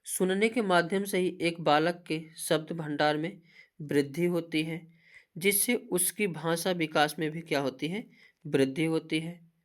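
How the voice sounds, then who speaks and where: A Hindi teacher with a mid-range voice speaks a little slowly in this exam-prep lecture, reading points in an even, listing style. Often she stops mid-sentence to ask a question, then answers it herself.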